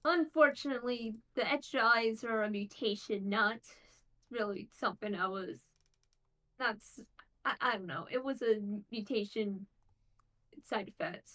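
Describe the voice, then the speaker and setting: A woman voicing a female Aasimar adventurer who speaks haltingly. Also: on the high side, a bit bright, low-quality recording. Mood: unsure. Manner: halting, restarts words.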